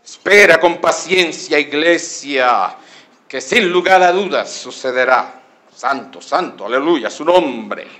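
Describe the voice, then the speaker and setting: A pastor imitating a pompous prosperity preacher who claims a prophetic anointing, with drawn-out, mock-solemn hallelujahs. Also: male voice, fairly high pitch, animated, bright, forceful tone, exaggerated voice.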